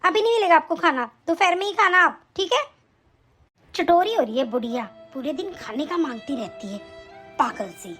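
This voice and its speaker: Woman doing a cruel daughter-in-law, nagging, sharp, scolding, very high voice, animated story. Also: normal speed, soft background music. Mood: harsh.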